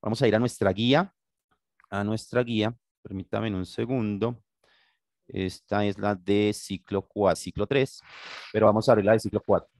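A man's voice: on the low side, fairly even intonation, moderate pace, a little mellow, dry recording, studio quality. A Colombian man teaching an English class over a video call in Spanish, patient and guiding, often checking in with his students. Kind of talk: online class, bilingual instruction. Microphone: computer mic on video call.

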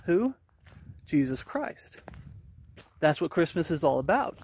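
A religious vlogger in his forties preaches informally and emphatically while walking a wooded outdoor path, driving his points home with rhetorical questions. Recorded on a phone held at arm's length, his voice is on the high side, gravelly, slightly rough and a little mellow, with big pitch swings and a slow pace.

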